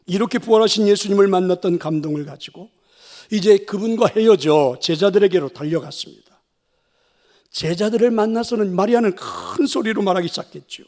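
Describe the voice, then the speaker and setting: A male pastor retelling a scripture story in a sermon, dramatic and often dropping to a hush. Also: high-pitched, a little fast. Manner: dramatic, dropping to hushed whispers.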